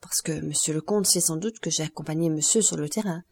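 A woman's voice: low-pitched, a little fast, a little mellow, husky. A woman reading the part of a cautious male valet, speaking respectfully and deferentially.

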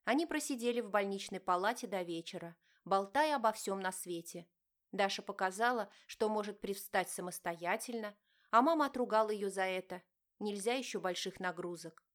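A woman narrating a romance novel as an audiobook, in an even, measured reading. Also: mid-range voice. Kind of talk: scripted narration.

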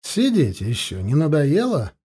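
A calm, ironic police investigator in an audiobook, voiced by a male reader, coaxing a suspect with lively, rising and falling intonation. his voice is mellow and a touch husky, with a gravelly edge. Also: on the high side, unhurried, heavily acted.

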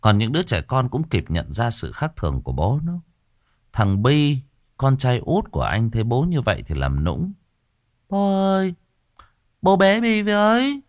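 A man narrating a ghost story in a dramatic, expressive way. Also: lowish voice, moderate pace, no echo, clean studio sound.

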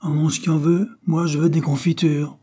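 A man's voice: fairly high pitch, level tone, moderate pace, dark tone, slightly rough, pitched above the performer's own voice. A man reading aloud and voicing an arrogant, spoiled teenage boy who talks in a scornful, bossy way. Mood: insolent.

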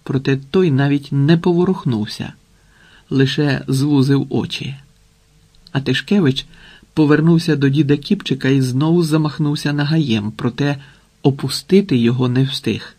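A man reading a children's adventure novel aloud as a measured, expressive narrator. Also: medium pitch. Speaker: audiobook narrator. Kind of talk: scripted narration.

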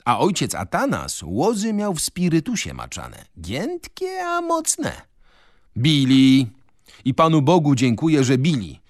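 A man's voice: a little high, huge pitch swings, measured pace, dry recording, pitched above the performer's own voice. A garrulous old official who praises the rod, with a raised, swooping voice, as a male reader puts him on. Folksy and preachy, he rambles from one sermon to the next. The studio sound is dry and close. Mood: moralizing. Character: old male official, gruff believer in beatings. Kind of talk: radio reading of a novel.

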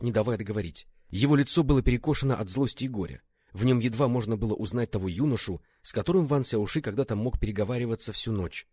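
A man narrating an audiobook in a steady storytelling manner. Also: fairly low pitch, slightly rough, no room sound, clean studio sound.

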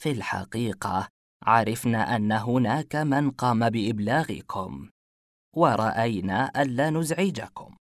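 A man voicing a nervous male witness in a storybook reading, who stammers, hesitates and talks slowly in a raised voice. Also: mid-range voice, animated, darkish tone, dry recording, studio quality.

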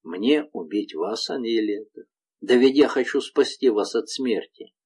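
A man's voice: medium pitch, unhurried, a little mellow, slightly rough. A man reading aloud voices a tormented young wolf leader who speaks in a brooding, bitter way.

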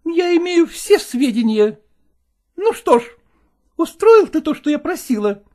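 A man reading a story aloud, voicing a jealous, demanding actress wife who scolds and shouts at her husband. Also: very high voice, very animated, a little slow, pitched above the performer's own voice, heavily acted. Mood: angry. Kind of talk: audiobook character voice.

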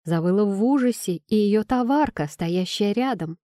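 A woman reading a first-person fantasy audiobook in an expressive storytelling manner. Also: mid-range voice, normal speed, dry recording, studio quality. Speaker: audiobook narrator.

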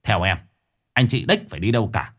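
A man playing a brash middle-aged uncle who talks loudly and bluntly. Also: medium pitch, very animated, fairly quick. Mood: forceful. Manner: loud, blunt, coarse.

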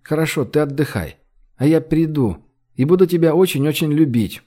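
A man reading an audiobook, voicing a tired young man who speaks low and soft. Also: expressive, moderate pace. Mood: tender. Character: tired, tender young man, sleepy teammate.

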